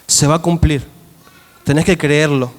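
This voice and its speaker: A man's voice: on the high side, fairly even intonation, a little slow. A man pastor with a Rioplatense Spanish accent, preaching an emphatic sermon and asking the congregation questions in a church hall. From Argentina. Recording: long church-hall reverb.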